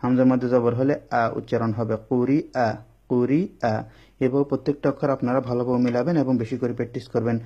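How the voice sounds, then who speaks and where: Teacher, male, mid-pitched; patient letter-by-letter drill, slightly dull lo-fi recording. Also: little pitch movement. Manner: slow, repetitive letter-by-letter spelling, then the blended word. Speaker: Quran reading teacher. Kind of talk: spelling-drill lesson. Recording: dull lo-fi sound.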